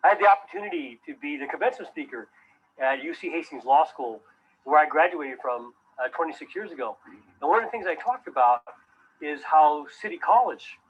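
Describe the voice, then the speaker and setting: A public defender gives a recorded testimonial, speaking earnestly and steadily. His voice is on the high side with a breathy edge, and the lo-fi audio sounds dull.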